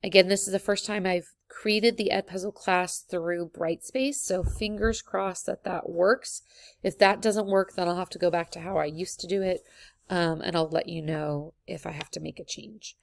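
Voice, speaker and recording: Woman, college instructor, casual recorded walkthrough, friendly, lots of ums, vocal fry, dry sound. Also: fairly low pitch, steady tone, moderate pace, no echo. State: has the hiccups.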